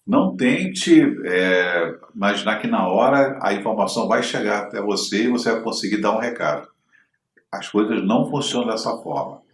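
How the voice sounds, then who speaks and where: A man's voice: lowish voice, echoey room, slight background noise. A man teaching communication to the camera, often checking in with his listeners through short questions. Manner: didactic, asks listeners frequent check-in questions. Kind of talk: direct-to-camera lesson.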